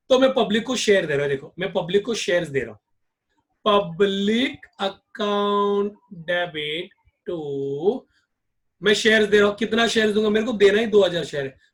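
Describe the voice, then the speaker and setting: A man's voice: high-pitched, fairly bright tone. A male accounts teacher giving a classroom lecture, drilling his students with repeated questions.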